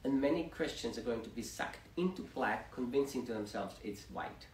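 A man with an Austrian accent preaching a sermon in English, pausing after each short phrase for his interpreter. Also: mid-range voice. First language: German.

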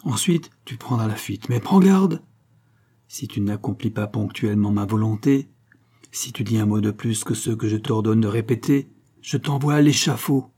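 A man's voice: fairly low pitch, moderate pace, mellow, husky. A man voicing a commanding, ruthless young adventurer who gives curt, threatening orders in an audiobook.

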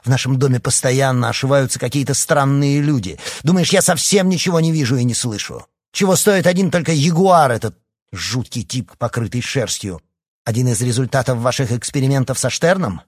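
Furious teenage boy, read by a man, shouting hard, pitched high. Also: normal speed, husky, no room sound, clean studio sound, close to an everyday voice. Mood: accusing. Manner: yelling, choked with anger.

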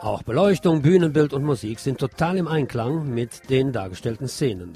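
This radio host, a man with a mid-range voice, reviews a theater production expressively in a solo monologue. He speaks to listeners in a formal manner at normal speed, with loud music running underneath.

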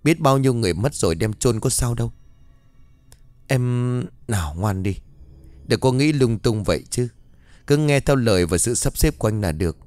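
A man voicing a middle-aged man who soothes and reassures in a low, hushed voice. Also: lively intonation, normal speed, dry recording, soft background music, close to an everyday voice. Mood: soothing, firm.

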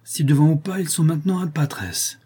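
Man doing gruff coach driver, loud, brusque, raised pitch, audiobook. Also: fairly quick. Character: rough, sneering stagecoach driver.

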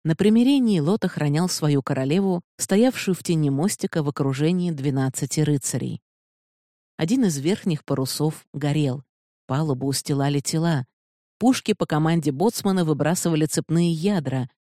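Steady audiobook narrator. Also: medium pitch, moderate pace, no room sound, clean studio sound.

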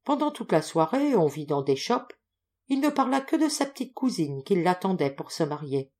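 A woman voicing a chatty, gossipy male junk dealer in an audiobook, telling his tale loudly and with lots of exclamations. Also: lowish voice, normal speed. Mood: storytelling. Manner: loud, exclaiming, animated storytelling. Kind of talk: audiobook character voice.

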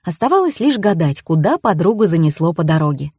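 A woman narrates a first-person audiobook with lively, ironic storytelling. Her voice is husky and mid-pitched, recorded dry and close with no room sound. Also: brisk, dry recording.

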